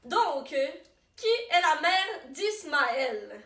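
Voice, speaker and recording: A woman playing a chipper quiz co-host who reads questions slowly and deliberately. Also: sits high, big pitch swings, a bit bright, full character voice. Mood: playful. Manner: deliberate, slow question reading. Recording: roomy sound, far from the mic.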